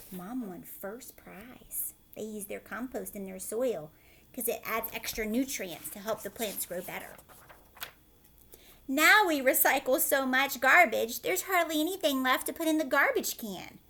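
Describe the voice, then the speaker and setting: A woman with a fairly high, sharp-toned voice plays a teacher for young children, alternating between reading a picture book aloud and chatty side comments. Her language stays simple, she often adds quick check-in questions, and her delivery is lively and a little slow.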